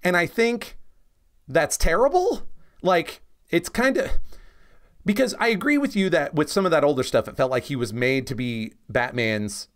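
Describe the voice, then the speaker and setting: Expressive and a little high-voiced, a podcast co-host who specializes in comics talks at normal speed. His explanations are casual and full of opinions, with frequent check-ins with the listener.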